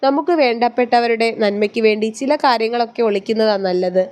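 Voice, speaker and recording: Woman doing a calm protective husband, storybook read, brightish voice. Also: on the high side, quick pace, close to an everyday voice. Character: firm, protective young husband.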